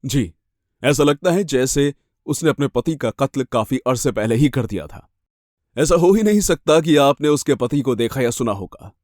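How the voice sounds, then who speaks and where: A man voicing a polite, steady police officer delivering hard news in an animated horror story. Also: medium pitch, normal speed, no room sound, clean studio sound, lightly acted. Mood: calm. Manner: steady, matter-of-fact.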